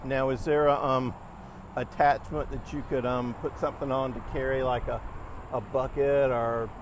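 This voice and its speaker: A man's voice: medium pitch, flat delivery, normal speed. A man talking casually and plainly as a customer trying out a scooter, with a folksy manner. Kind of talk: casual chat. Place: outdoors. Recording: outdoor ambient noise.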